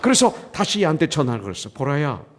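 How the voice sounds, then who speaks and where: A man's voice: on the high side, very animated, a little fast, gravelly, darkish tone, a little hiss or hum. A middle-aged male pastor preaching a sermon in a church, telling a story and acting out its dialogue, slipping English phrases into his talk. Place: church sanctuary. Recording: long reverb of a church hall.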